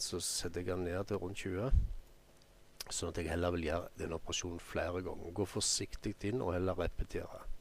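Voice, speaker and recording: A man with a Norwegian accent giving an unhurried software tutorial, thinking aloud with many ums as he works. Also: low-pitched, creaky, a little hiss or hum. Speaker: photo editing tutor. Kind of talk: screen-recorded software tutorial.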